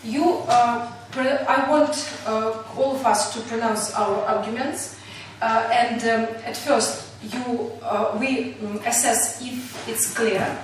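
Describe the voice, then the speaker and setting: A woman with a Russian accent leads a group exercise as teacher, explaining the rules haltingly and searching for words in English. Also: on the high side, steady tone. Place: echoey room with a group. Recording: distant, very echoey, noisy room recording.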